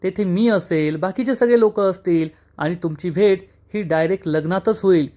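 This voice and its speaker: A resolute young woman reassures her friend in a firm, soothing tone, as a man reads her part. Her voice sits a little high and stays steady and determined. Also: normal speed, close to an everyday voice.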